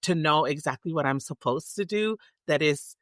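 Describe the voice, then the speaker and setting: A woman's voice: sits low, moderate pace, no echo, clean studio sound. A middle-aged woman from Tonga, a guest in a casual interview, talking reflectively with many restarts and fillers.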